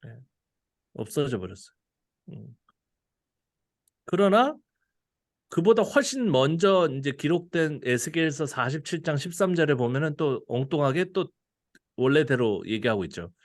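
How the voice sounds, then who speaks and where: A man's voice: fairly high pitch, big pitch swings, moderate pace, pauses often. A man giving a casual, conversational Bible study lecture, laughing often and letting his voice drop at the ends of phrases.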